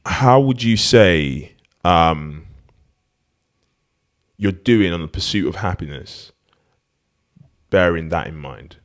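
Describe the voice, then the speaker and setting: A man's voice: deep voice, expressive, slow, long pauses. A man hosting a casual podcast conversation who rambles, corrects himself and laughs often.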